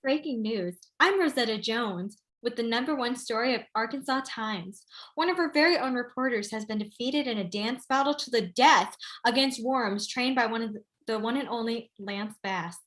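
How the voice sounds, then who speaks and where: A woman's voice: fairly high pitch, moderate pace, hardly any pauses, fairly bright tone, lightly acted. A woman playing an emphatic female news anchor with awkward politeness in a comic play. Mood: urgent, announcing. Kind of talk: comic news-report acting.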